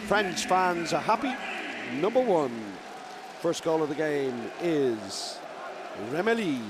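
A man giving live handball commentary in short, emphatic, excitable phrases. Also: a little high, takes it slowly, crowd noise, noisy background. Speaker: sports commentator. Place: large indoor sports arena with crowd.

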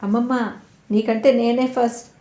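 A woman's voice: on the high side, little pitch movement, measured pace, dark tone, lightly acted. A woman voicing a curious, chatty little village girl who asks eager questions, in a roomy echoing recording. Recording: roomy echo.

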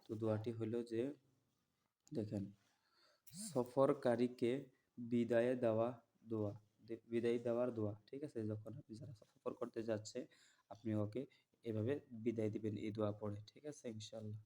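A male religious teacher helps listeners memorize prayers, chanting each word slowly and repeating it, then explaining plainly and checking they follow. His voice is medium in pitch and warm, with a flat delivery.

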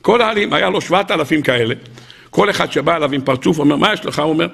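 A man's voice: a little high, animated, creaky, husky. A man, a rabbi giving a weekly Torah portion sermon to a live audience, telling stories, acting out the characters and firing rhetorical questions at the listeners. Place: live talk before an audience.

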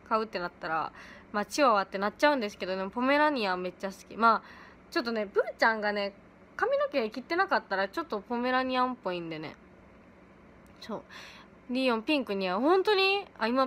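Giggly teen girl with lively pitch. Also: slight background noise. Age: late teens. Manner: giggly, chatty, often breaks into laughter. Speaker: idol livestreaming to fans. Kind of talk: casual livestream chat reading comments. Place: at home in pajamas.

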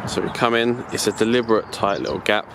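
Talking fast in a lowish voice, a man shows viewers around his allotment on a casual walking tour, shot from his own view with a handheld camera. He rambles, chats, and corrects himself, with steady outdoor noise picked up by the camera mic.

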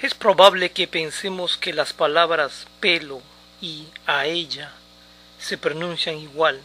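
Slow, bright-voiced man teaching English. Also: a little high, fairly even intonation. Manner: repeats English words slowly for pronunciation drills. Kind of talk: slow, deliberate language lesson.

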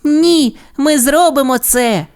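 A woman's voice: sits high, slow pace, darkish tone, voice pushed up. A woman voicing a brave, cheerful female puppy pilot in an audio fairy tale, eager and determined. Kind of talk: audiobook character voice.

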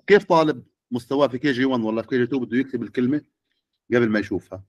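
Quick guy lecturing teachers, keeps asking the room questions, dry close sound. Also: mid-range voice, no room sound, highs cut off. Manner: questioning the audience.

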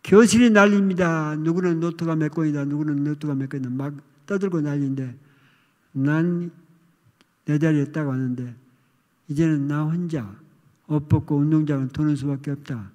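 An older male pastor giving a sermon testimony, telling a childhood story with animated, acted outcries. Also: on the high side, moderate pace. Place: church sanctuary. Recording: long reverb of a church hall.

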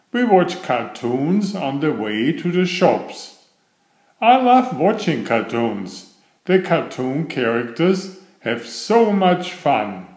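Reading a picture book aloud in an echoey room, a man with a slightly high voice gives a lively, expressive performance for children. His pacing is slow and deliberate.

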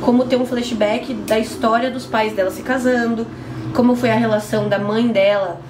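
A woman's voice: on the high side, steady tone, normal speed. A young woman with a Brazilian Portuguese accent, chatting to camera as a book vlogger while she trims plants on an apartment balcony. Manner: chatty, trimming pepper plants while talking. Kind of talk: casual chat to camera. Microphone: camera at close range. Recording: roomy echo, faint background noise.

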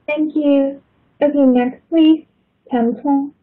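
Woman pronunciation teacher on a call, slow and patient, sounds like a phone line. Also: high-pitched, steady tone. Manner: patient, corrective, calls on students by name. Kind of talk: online pronunciation class. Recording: tinny online call audio.

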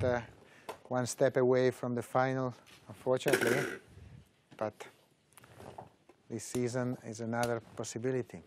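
Halting middle-aged man hosting a draw. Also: medium pitch, noisy background. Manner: halting, with frequent "uh" pauses. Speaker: draw host. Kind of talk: presenting a live tournament draw.

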